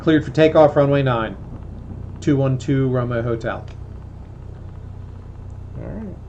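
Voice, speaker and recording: Brief: male pilot on a cockpit headset, middle-pitched, slightly muffled, light engine hum, talks through his steps with hesitant self-mockery. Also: expressive, slow, darkish tone. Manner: thinks aloud, hesitant and self-deprecating. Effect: heard through a cockpit headset intercom. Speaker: student pilot flying a small plane. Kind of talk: casual vlog narration mixed with radio calls. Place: cockpit of a small propeller plane. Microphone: aviation headset mic.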